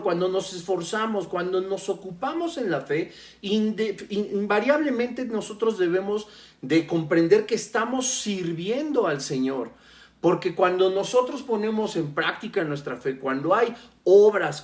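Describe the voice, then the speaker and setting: Preacher in an echoey room. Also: male voice, high-pitched. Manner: explanatory, reads scripture slowly with emphasis. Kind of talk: Bible teaching sermon.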